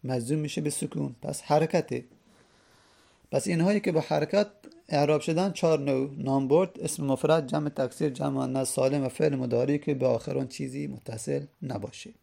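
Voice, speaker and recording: A man teaching an Arabic grammar lesson in Persian, reading each rule aloud and then explaining it slowly with repeated examples. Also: on the high side, creaky, dark tone.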